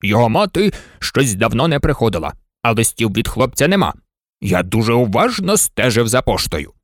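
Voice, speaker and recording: A man voicing a practical, brisk male toy station master in a storybook. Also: medium pitch, sing-song, no room sound, studio quality, voice pushed down, lightly acted. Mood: matter-of-fact.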